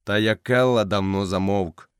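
A man reading a storybook aloud as narrator, steady and measured. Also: lowish voice, clear, resonant tone, no echo, clean studio sound.

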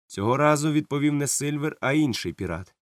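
A man narrating an audiobook in a measured, dramatic way. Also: on the high side, animated, no echo, studio quality. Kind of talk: scripted narration.

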